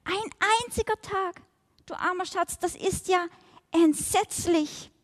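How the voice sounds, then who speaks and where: A woman's voice: extremely high pitch, slow pace, pitched above the performer's own voice. Woman voicing a tearful little mayfly. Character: tender newborn female mayfly, dainty and tearful.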